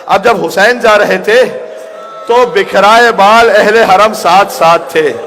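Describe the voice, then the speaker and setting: A man's voice: high voice, a bit bright, a little hiss or hum. A male preacher delivering an emotional mourning sermon in a hall, rising to anguished cries and half-sung lament. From Pakistan. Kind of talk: Muharram majlis sermon recounting Karbala. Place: large hall gathering.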